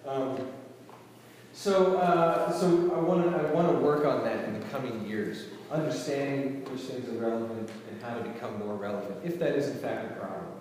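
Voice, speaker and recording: A man's voice: medium pitch, normal speed, darkish tone, a little hiss or hum. A middle-aged man speaking as a camp director to a gathering, hesitating with fillers and restarts. His voice sits in the middle register and carries long reverb. It sounds far from the mic in a roomy hall with faint ambience. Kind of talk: speech to an audience.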